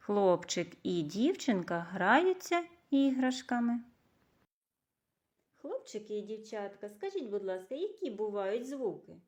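A kindergarten teacher leads a literacy lesson, stretching out each sound and syllable so small children can follow. She speaks slowly, and her pitch rises and falls a great deal as she asks questions and praises answers. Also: darkish tone.

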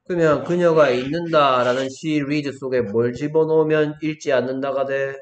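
A man's voice: medium pitch, fairly even intonation, moderate pace, reverberant, highs cut off. A man tutoring English, checking often that his pupil follows. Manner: coaxing teacher, many check questions. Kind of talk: one-on-one English lesson in Korean.

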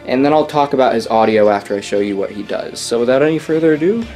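A man's voice: mid-range voice, animated, fast, a little mellow, soft background music. A young man casually reviewing a Halloween prop in his bedroom, enthusiastic and rambling, correcting himself as he goes.

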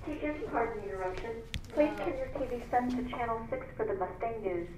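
Woman, school intercom announcement, high voice, noisy speaker. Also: animated, quick pace. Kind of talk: public address announcement.

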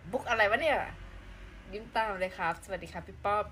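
A playful woman from southern Thailand hosts a casual live stream and greets viewers as their comments roll in. Her talk is quick to burst into exclamations, with a faint hiss of noise underneath. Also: mid-range voice, fairly bright tone. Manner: chatty and playful, with frequent exclamations.

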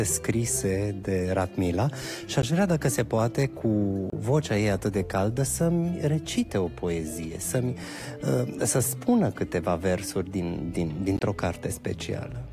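A man with a somewhat low voice hosts a TV talk show, addressing his guests courteously and warmly. Gentle music can be heard faintly under him. He speaks in a polished, friendly broadcaster's manner. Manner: warm, courteous, expressive reciting. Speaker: TV show host.

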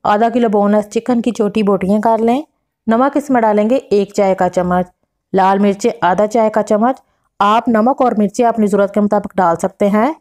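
A woman narrates a home cooking recipe in a voice-over. She walks through each step in order and names exact quantities as she goes. Her pitch sits in a middle range. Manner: steady step-by-step instructions with measured quantities. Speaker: cooking channel host.

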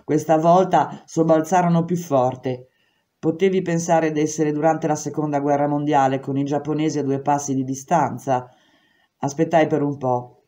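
A woman reading a memoir aloud in steady, measured first-person narration. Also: sits low. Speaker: reader.

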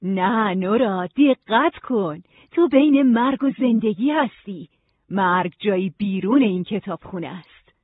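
A reader voicing a calm, gentle older woman librarian, giving slow soothing explanations in an audiobook. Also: medium pitch, dry recording, close to an everyday voice. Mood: explaining. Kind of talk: audiobook reading. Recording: tinny phone-like sound.

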